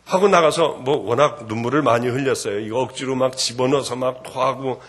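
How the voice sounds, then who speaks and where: A middle-aged man giving an emotional spoken testimony in church, fervent and swinging between hushed and loud. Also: mid-range voice, fairly quick, slightly rough.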